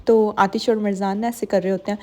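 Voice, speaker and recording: A woman's voice: mid-range voice, fairly even intonation, fast, a little mellow. Chatty young woman recapping a drama. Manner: chatty, filler-heavy retelling with quoted dialogue. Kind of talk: casual storytelling recap.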